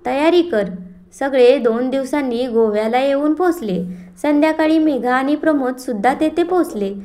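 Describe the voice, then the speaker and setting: High-voiced woman telling a story. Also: normal speed, dark tone. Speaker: narrator. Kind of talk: storytelling, reading aloud.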